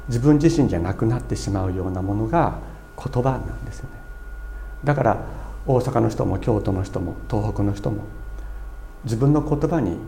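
A man's voice: on the low side, warm tone, slight background noise. A middle-aged man preaching a sermon in an earnest, explanatory way, with fillers and restarts as he goes. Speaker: pastor.

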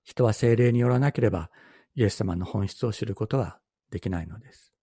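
A middle-aged man, a pastor, giving a Bible teaching sermon in a measured, explanatory way, repeating key phrases for emphasis. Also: lowish voice, dark tone, breathy edge, no echo, clean studio sound.

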